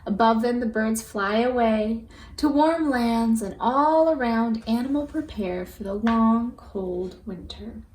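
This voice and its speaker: Reading a children's storybook aloud, a woman with a fairly high voice narrates expressively and deliberately for young listeners. The recording sounds roomy and echoey, with some faint noise in the background.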